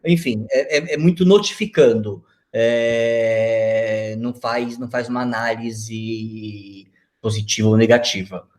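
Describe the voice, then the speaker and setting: A man's voice: medium pitch, steady tone, slow pace, a little mellow. Hesitant Brazilian man on a video call. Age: 40s. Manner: hesitant, many fillers and restarts, reflective. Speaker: interview guest. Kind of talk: casual video-call interview.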